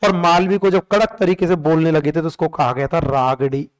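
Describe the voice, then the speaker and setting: A man, lecturing a class in an exam-prep style. He fires short questions and has the answers repeated back in a steady drill. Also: on the high side, moderate pace. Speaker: teacher.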